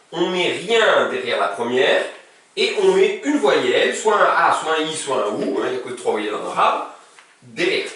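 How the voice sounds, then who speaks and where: A man's voice: on the high side, sharp tone. A man teaching a language class in a patient way, often checking that his students follow. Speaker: Arabic teacher. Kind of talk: classroom lesson. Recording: very echoey room, distant mic.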